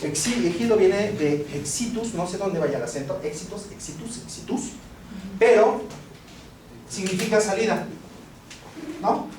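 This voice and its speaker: In an echoey university classroom, a Mexican man delivers an anecdote-rich law lecture at a measured pace, pausing often. His voice sits high, sounds expressive and somewhat dark, and his Mexican Spanish is casual and peppered with rhetorical "¿no?" questions. A distant mic picks him up amid noise.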